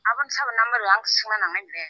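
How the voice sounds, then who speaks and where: A man's voice coming through a phone line, high and very bright with a dry, close sound. He talks fast in casual, chatty replies on a call. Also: no echo. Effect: heard over the phone. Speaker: person receiving a prank call.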